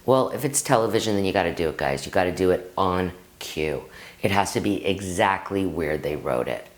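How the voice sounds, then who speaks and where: A middle-aged woman with a low voice coaches actors straight to the camera. Her pitch rises and falls widely as she talks. She calls her viewers "guys" and acts out stories from her own life to make her points. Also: fairly quick. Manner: lively, addresses viewers as "guys", acts out anecdotes. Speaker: acting coach. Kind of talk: direct-to-camera acting lesson.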